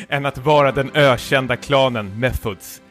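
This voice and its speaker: This male co-host, mid-range and a bit bright, shares a funny fan story of his own creation on the podcast. Faint music plays behind him as he reads playfully, cracking up along the way.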